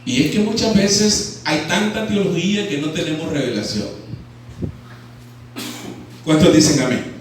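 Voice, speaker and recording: A man's voice: a little high, lively intonation, unhurried, pauses often, slight background noise. A man with a Nicaraguan accent preaching a Sunday sermon and firing questions at his congregation. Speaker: pastor. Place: church hall. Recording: very echoey hall, voice from far off.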